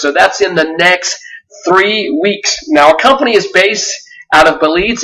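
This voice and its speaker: Man, 40s, from Vietnam, webinar presenter; earnest pitch, lots of fillers, bright tone, set back from the mic. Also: far from the mic, low-quality recording. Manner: earnest, with frequent fillers and restarts.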